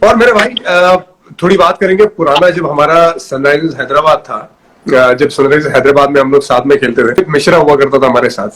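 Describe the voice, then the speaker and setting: A man in his thirties hosting a casual live video chat over a phone, telling stories with lively energy. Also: on the high side, brisk. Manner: animated storyteller who acts out quoted remarks. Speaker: host. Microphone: phone on a video call.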